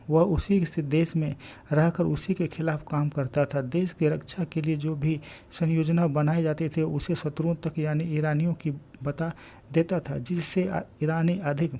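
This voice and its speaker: A man's voice: on the high side, mellow. A man narrating a short story, reading along with frequent slips and restarts.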